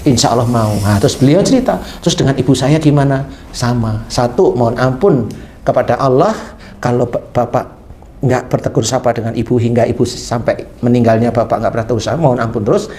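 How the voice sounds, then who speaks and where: A man preaching a slight touch, telling a story in a lively way. His voice is mid-pitched, and he acts out both sides of a conversation. Faint room noise sits behind him. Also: a little fast. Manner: animated, acts out dialogue with a patient. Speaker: Islamic preacher. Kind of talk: sermon storytelling.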